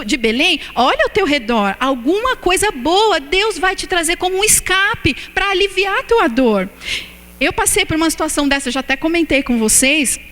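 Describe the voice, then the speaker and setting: A woman in her thirties preaching a sermon as pastor, telling stories with feeling and slowing down for emphasis. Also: high-pitched, a bit bright. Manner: emotional storytelling, slows for emphasis. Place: church hall. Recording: reverberant church hall.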